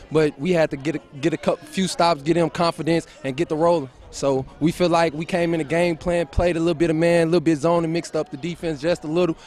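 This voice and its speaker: A man's voice: a little high, a little mellow. A young man, a college football player, answering earnestly and casually in an outdoor post-game interview. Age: young adult.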